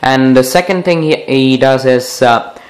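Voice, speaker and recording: Young male tech vlogger, mid-pitched voice, casual and rambling, often stalling mid-sentence. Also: moderate pace. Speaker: tech video host. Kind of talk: casual phone software overview vlog.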